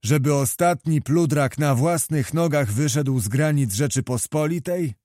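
A man's voice: fairly high pitch, unhurried, warm tone, dry recording, studio quality, close to an everyday voice. A man voicing a boastful noble confederate, in a read-aloud historical novel. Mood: bold. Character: bold, swaggering male noble confederate.

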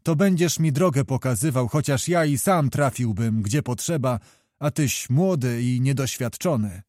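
A man's voice: medium pitch, animated, normal speed, dry recording, clean studio sound, close to an everyday voice. A man voicing a proud old male Tatar commander who flares into fury, read as an audiobook character voice. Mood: haughty. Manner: haughty, then shouts in fury.

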